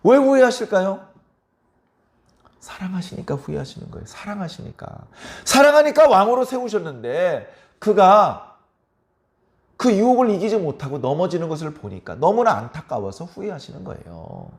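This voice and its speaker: A pastor preaching a midweek sermon, prompting the congregation for a response. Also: male voice, high voice, sing-song, moderate pace. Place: church service.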